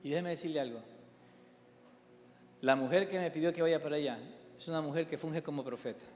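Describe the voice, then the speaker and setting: A middle-aged man, a pastor, preaching a sermon to his congregation, with emphatic exhortation and softer spoken storytelling. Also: on the high side, brisk, faint music behind. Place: large church hall. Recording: live church hall with long reverb.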